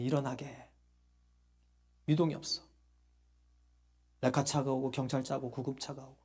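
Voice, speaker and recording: A pastor preaches a sermon in a mellow, warm-toned voice pitched in the middle range. The delivery is emphatic, full of rhetorical questions and direct calls to the listeners. Hallelujahs punctuate the talk.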